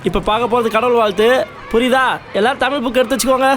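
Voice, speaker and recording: An actor playing a calm, formal school headmaster. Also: male voice, very high-pitched, rapid-fire, a faint crowd.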